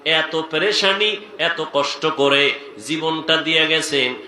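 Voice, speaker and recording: A man preaching a sung and shouted sermon at an open-air religious gathering. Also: on the high side, slow, reverberant. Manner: chanting melodic delivery, breaking into shouts.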